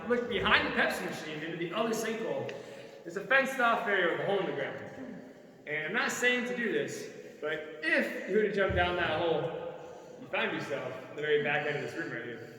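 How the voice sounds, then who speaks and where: A man's voice: sits high, sharp tone. A man working as a cave tour guide, explaining in short projected phrases to visitors inside a cave. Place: inside a large limestone cave. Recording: echoing cave, long reverb, distant mic.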